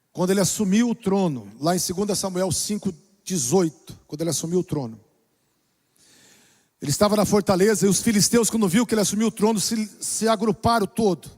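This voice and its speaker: High-voiced preaching pastor in a hall. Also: male voice. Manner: preaching with dramatic shifts between soft and loud. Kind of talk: sermon. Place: church. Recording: long reverb of a church hall.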